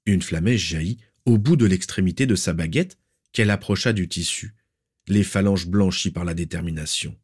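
Low-voiced man reading fiction aloud. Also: moderate pace, a little mellow, slightly rough. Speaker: audiobook reader.

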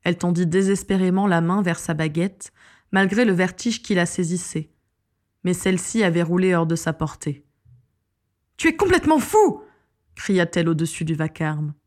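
A woman with a fairly low voice reads a fantasy novel aloud. Her narration is scripted, steady and expressive, carrying the story forward. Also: moderate pace. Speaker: audiobook narrator.

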